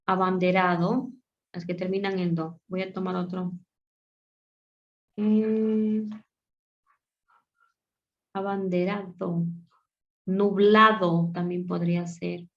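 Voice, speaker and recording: Slow, patient woman teaching a class. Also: on the low side, little pitch movement. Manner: slow, repeats words aloud while pointing them out. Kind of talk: classroom lesson. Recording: dull lo-fi sound.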